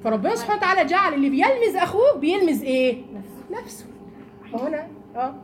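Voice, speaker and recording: Her very high-pitched voice moves fast as she, a religious teacher with an Egyptian Arabic accent, animatedly recounts stories during a Quran study session for women, slipping into mocking voices. The room recording is noisy.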